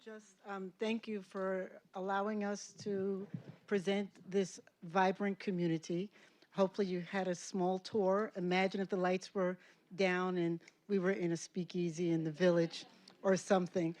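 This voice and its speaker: A woman's voice: mid-range voice, flat delivery, normal speed, darkish tone. A woman presenting her school community to a board meeting, earnest and thankful. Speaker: program presenter. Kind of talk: public address.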